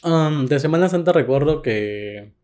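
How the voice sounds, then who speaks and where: Un hombre con acento peruano que, como copresentador, acompaña la charla casual afirmando lo que oye y haciendo preguntas. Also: male voice, a little high, lively intonation, a little slow, a little mellow. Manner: affirming listener, asks questions. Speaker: podcast co-host. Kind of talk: casual conversation.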